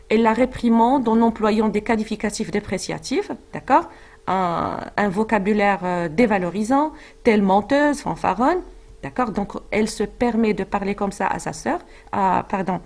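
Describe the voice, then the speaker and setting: A woman's voice: medium pitch, darkish tone. A woman French teacher, explaining a literary passage and checking in with her class. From Morocco. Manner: explanatory, checks with frequent "d'accord?"; hesitant, with fillers and restarts.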